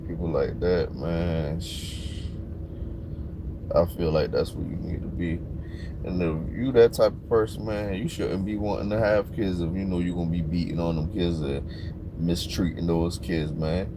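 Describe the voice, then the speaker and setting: A man talking bluntly and casually on a livestream, growing animated when he gets worked up. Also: deep voice, measured pace, noisy background. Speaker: livestream host.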